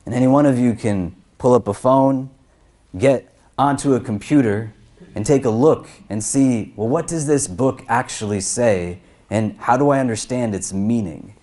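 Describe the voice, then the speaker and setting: At a moderate pace, a man serving as imam preaches the Friday sermon before a packed prayer hall. Lists and questions carry him upward in pitch and loudness until he sinks low to drive each point home.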